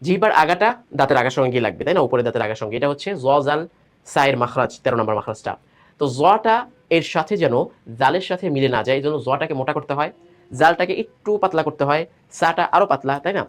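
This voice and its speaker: A man teaching Quran reading, slowly drilling syllables and explaining where the tongue should touch. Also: a little high, expressive. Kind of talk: step-by-step pronunciation lesson.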